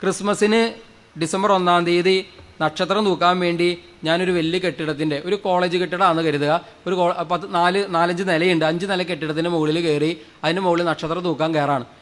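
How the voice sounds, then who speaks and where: Priest preaching hard, high voice, repeats himself, quizzes the crowd, goes loud then soft. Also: male voice, fairly even intonation, a little fast. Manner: fervent, repeats phrases, asks the crowd questions, swings loud and soft. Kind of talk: sermon. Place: church or prayer hall with a congregation.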